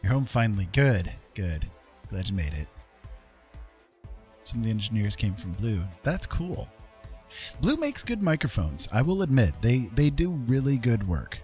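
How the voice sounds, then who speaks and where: Music runs in the background as a man who used to host radio rambles easily to his livestream viewers. He speaks at an unhurried pace in a medium, slightly mellow voice with big pitch swings.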